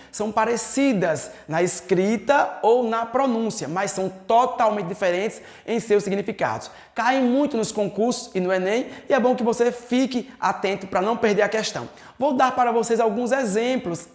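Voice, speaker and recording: A Brazilian man teaching a recorded exam-prep lesson, who poses questions to himself and then answers them. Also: high-pitched. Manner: didactic, asks and answers his own questions. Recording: echoey room.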